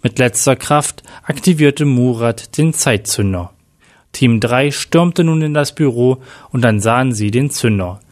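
A man's voice: medium pitch, a little slow. Man reading a story aloud. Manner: plain, steady reading. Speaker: narrator. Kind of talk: read-aloud story narration.

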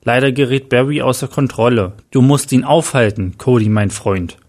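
A man voicing a disfigured half-faced man who turns from eerie stranger to warm, earnest friend, speaking slowly and low at first. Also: lightly acted.

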